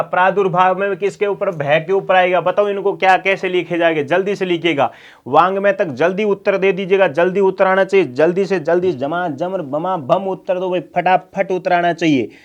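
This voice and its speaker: High-voiced man teaching, repeating words slowly. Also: steady tone, highs cut off. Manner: drills words by repeating them slowly, quizzes students; playful teasing threats to hurry answers. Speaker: Hindi teacher. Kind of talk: online exam-prep lesson.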